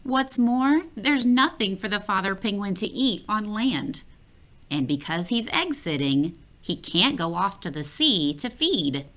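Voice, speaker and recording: A lively woman reads a children's story aloud at a measured pace in a medium-pitched voice. She is expressive and playful, speaking directly to the young listener.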